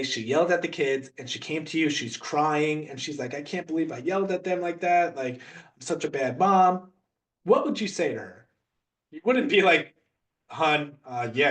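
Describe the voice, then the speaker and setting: A man's voice: on the high side, a bit bright, recorded from a distance. A man, a mindset coach, giving a motivational talk on parenting in an earnest, conversational way, often checking in with his listeners.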